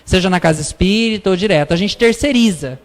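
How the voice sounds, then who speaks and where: A man with a high-pitched voice gives a casual sermon-style talk, telling everyday stories and checking in with the listeners through constant tag questions. His voice rings out with a long reverb in a lecture hall. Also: quick pace. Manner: chatty storytelling, frequent tag questions. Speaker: lecturer at a spiritist center. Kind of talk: public talk, informal sermon.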